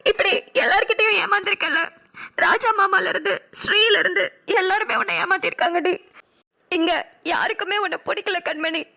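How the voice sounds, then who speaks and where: A woman's voice: moderate pace, creaky, full character voice. A woman voicing a heartbroken young woman in a cartoon drama, speaking in a pleading, sobbing way. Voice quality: high bright girlish voice. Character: heartbroken young woman Kanmani, tearful and hurt.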